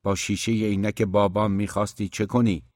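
A man's voice: lowish voice, flat delivery, no room sound, studio quality, lightly acted. A man voicing a stern, hot-tempered middle-aged father who scolds his sons angrily in a storybook reading. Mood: angry scolding. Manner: angry, scolding.

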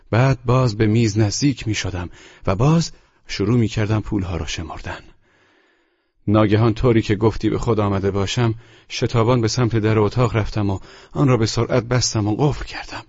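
Low husky male audiobook narrator. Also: darkish tone, dry recording. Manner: measured, dramatic first-person storytelling. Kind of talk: scripted literary narration. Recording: muffled lo-fi recording.

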